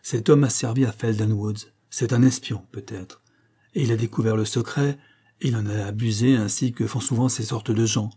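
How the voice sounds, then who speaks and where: Devoted, anxious husband in a storybook reading, earnest and pleading, a man reading him in a dark, husky voice. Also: on the low side, fairly even intonation, moderate pace.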